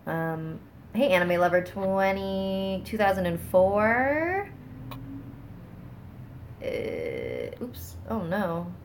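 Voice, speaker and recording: A woman hosts a casual livestream from a phone on a small stand, chatting with viewers, thanking them, giggling and reading scary stories, sometimes trailing off. Her nose is a bit stuffy, and her gravelly, medium-pitched voice swings hugely in pitch at an extremely slow pace with frequent pauses. A little hiss or hum is audible.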